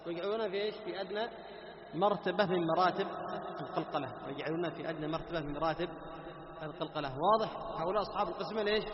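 A man teaching a class on Quran recitation, asking his students questions, answering them himself and repeating key phrases. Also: high voice. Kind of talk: classroom lecture. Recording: echoey hall with dull lo-fi sound and background noise.

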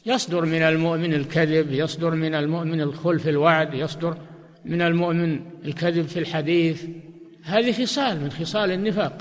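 A man's voice: a little high, steady tone, fast. An older man answering religious questions as a scholar, in firm, curt replies that suddenly stress single words. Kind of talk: fatwa Q&A session. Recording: reverberant hall recording.

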